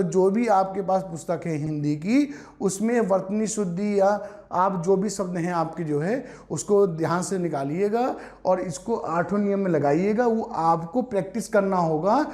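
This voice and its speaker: A man's voice: sits high, darkish tone. A man teaching an exam-prep Hindi spelling lesson, explaining patiently, repeating words and asking his students rhetorical questions.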